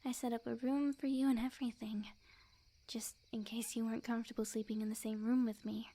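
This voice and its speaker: A woman voices a sweet, young yandere witch in an ASMR roleplay, clingy and lovesick, her fairly high voice kept mellow, soft, breathy and near a whisper. She talks intimately with coy, earnest devotion, her tone level and her pace a little quick. The mood is tender and hopeful.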